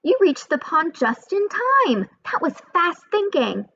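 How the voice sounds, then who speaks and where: A woman's voice: extremely high pitch, very animated, a little slow, vocal fry, a bit bright, dull audio, voice pushed up, full character voice. A woman voicing a giggly, cautious little violet flower girl in a sing-song storybook reading.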